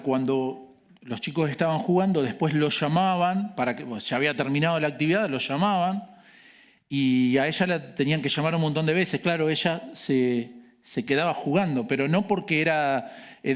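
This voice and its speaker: Argentine pastor preaching, slightly high voice. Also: male voice. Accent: Argentine Spanish. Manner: conversational, with rhetorical questions and joking asides. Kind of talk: sermon.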